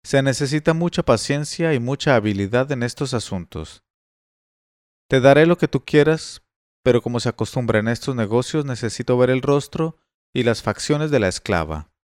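A man's voice: medium pitch, expressive, moderate pace, clean tone, no echo, clean studio sound, natural voice. A man voicing a patient, courteous older merchant who bargains in a coaxing tone in a read-aloud tale. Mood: polite, coaxing.

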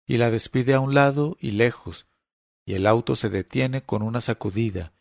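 A man narrating an audiobook in a steady, dramatic storytelling manner. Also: mid-range voice, normal speed, gravelly, dry recording, studio quality.

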